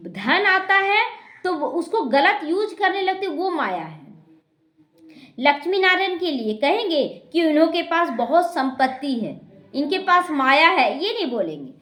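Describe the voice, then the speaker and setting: A woman's voice: extremely high pitch, big pitch swings, measured pace, a bit bright. A woman, a spiritual teacher explaining scripture to a class, repeating her points and speaking straight to her listeners. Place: meditation class hall. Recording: echoey room.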